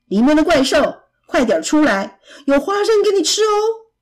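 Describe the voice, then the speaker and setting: A woman voicing a sly, clever fox that calls out in a low coaxing voice. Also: very animated, normal speed.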